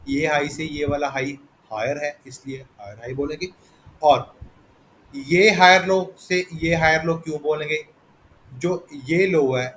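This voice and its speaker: A man teaching a trading lesson at an ordinary middle pitch. He walks through chart patterns patiently, repeating terms and pausing to check in with his students. Faint noise sits under the recording. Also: a bit bright, poor audio. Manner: patient, repetitive, checks in with "theek hai na". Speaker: trading instructor.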